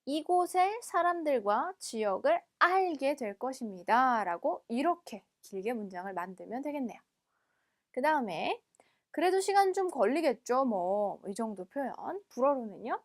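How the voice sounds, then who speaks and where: A woman teaching French from a textbook, explaining each phrase patiently and reading the French aloud slowly, often twice. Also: high-pitched, very animated.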